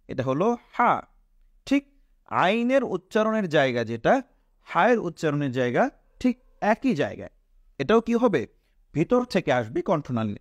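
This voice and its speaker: A male teacher with a Bangladeshi Bengali accent leads a patient pronunciation lesson, stretching each letter sound and repeating it. His voice sits a little high for a man. The recording is dry and close, with no room echo. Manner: asks the class questions and answers them himself. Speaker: Quran reading teacher.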